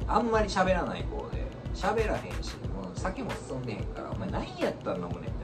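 A man's voice: high voice, wildly swooping pitch, fast talker, distant mic. A man with a Kansai accent chatting casually and telling comic anecdotes as a co-host, often laughing as he talks. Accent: Kansai Japanese. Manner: laughs often while talking. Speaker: co-host of a chat show. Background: music.

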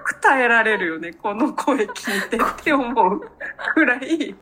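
A woman co-hosts a casual chat show, laughing often at herself. Her voice is bright and sits a little high. She talks in an animated, teasing way. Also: a little slow, a little hiss or hum. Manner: giggly, animated, self-deprecating. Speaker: podcast co-host.

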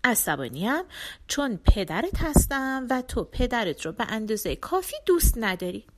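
A woman's voice: on the high side, very animated. A woman voicing a stern, hot-tempered old king in a storybook, speaking in a scolding way. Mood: sulking.

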